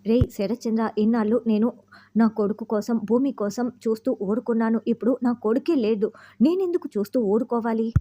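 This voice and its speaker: A woman reading the lines of an angry, grieving father who shouts accusations. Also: fairly high pitch, a little fast, close to an everyday voice. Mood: accusing. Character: furious grieving father confronting his son's killer. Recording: dull lo-fi audio.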